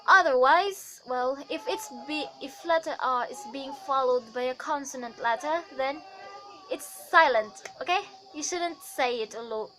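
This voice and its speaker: High-voiced woman teaching accents. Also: measured pace, sharp tone, low-quality recording. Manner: chatty, with frequent fillers and self-corrections. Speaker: accent tutor. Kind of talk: casual vlog lesson.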